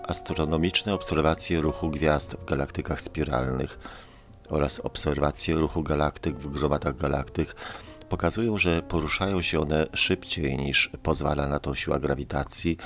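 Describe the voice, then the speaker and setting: Very deep-voiced man narrating over music. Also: steady tone, moderate pace. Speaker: science channel narrator. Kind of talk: scripted narration. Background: background music.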